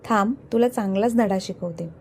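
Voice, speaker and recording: A woman's voice: mid-range voice, normal speed, a little mellow, a little hiss or hum, close to an everyday voice. A woman voicing a domineering, quarrelsome middle-aged mother-in-law who scolds and complains. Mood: scolding.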